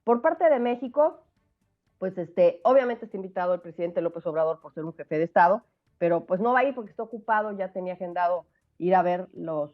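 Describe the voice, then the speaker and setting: A woman giving chatty, lively radio commentary. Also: fairly low pitch, a little fast. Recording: tinny phone line.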